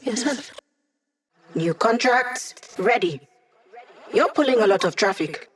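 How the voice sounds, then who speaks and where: Hack, cocky young hacker. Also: female voice, fairly high pitch, lively intonation, slow. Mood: teasing. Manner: casual, wry, self-assured, technical. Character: brisk, confident, playfully cocky young female hacker guiding a squad. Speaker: mission support operator in a video game. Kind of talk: scripted video game voice acting.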